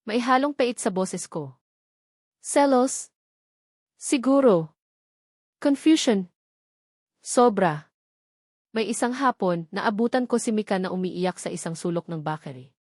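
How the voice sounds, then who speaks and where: A woman reading a romance story aloud in the first person, in a measured, emotional storytelling manner. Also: mid-range voice, no echo, studio quality. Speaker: audiobook narrator.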